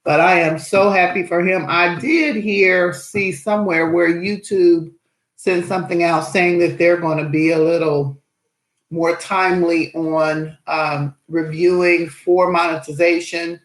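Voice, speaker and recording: A woman's voice: fairly low pitch, fairly even intonation, measured pace, echoey room, poor audio. A woman hosting an aquarium channel in casual live-stream chat, cheerful and chatty as she greets viewers.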